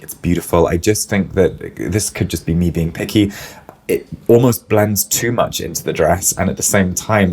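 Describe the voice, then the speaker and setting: Here the same kind of casual reaction video features a man, a florist, whose low voice has a breathy edge. Slightly stuffed up with a cold, he muses aloud and softens his views, filling his talk with "like" and "I think."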